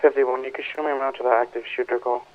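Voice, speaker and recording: Male officer over a police radio: fast, flat, by-the-book call-sign reports. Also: medium pitch. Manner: clipped, brisk call-sign codes. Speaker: police officer in a roleplay game. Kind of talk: radio calls. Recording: muffled radio with faint hiss.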